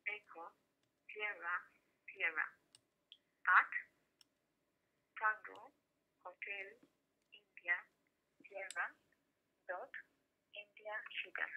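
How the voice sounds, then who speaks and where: A woman's voice: medium pitch, fairly even intonation, slow pace, long pauses. A woman answering calls at an office, heard over a phone line that keeps breaking up, politely apologetic and deflecting as she spells things out letter by letter. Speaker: embassy staff member answering calls.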